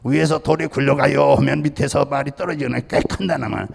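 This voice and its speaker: A man's voice: medium pitch, fairly even intonation, fairly quick, creaky, breathy edge. A male senior pastor from the Chungcheong region preaching a Sunday sermon, emphatic and repetitive, with touches of humor for the congregation. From Chungcheong, Korea. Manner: emphatic preaching with repeated calls to believe; jokes with the congregation. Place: church sanctuary. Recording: long church-hall reverb.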